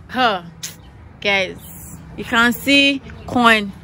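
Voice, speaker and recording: A woman's voice: fairly high pitch, drawn-out words, bright, forceful tone, slight background noise. Chatty young Nigerian woman vlogging outdoors. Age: young adult. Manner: chatty, laughing, switching into pidgin. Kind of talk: casual vlog walkthrough. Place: outdoors in a rural neighborhood. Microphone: phone held at arm's length.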